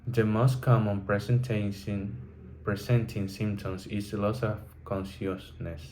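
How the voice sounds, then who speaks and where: A man teaching a vocabulary lesson, reading from a textbook carefully and pausing to restart words. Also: on the low side, fairly even intonation, a little mellow, a little hiss or hum.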